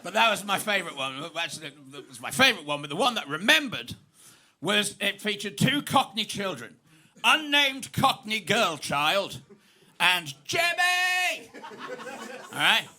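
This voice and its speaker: High-voiced male stand-up comic. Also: moderate pace. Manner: absurd, deadpan-to-explosive storytelling. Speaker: stand-up comedian. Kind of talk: stand-up routine. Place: comedy club stage. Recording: live club with audience laughter.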